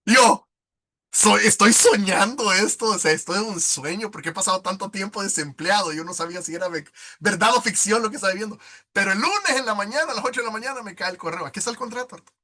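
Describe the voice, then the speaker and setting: Telling his story of faith to a prayer group, a middle-aged man grows emotional and plays out past exchanges in character. His high-pitched voice is very animated, bright, and forceful, delivered at a moderate pace.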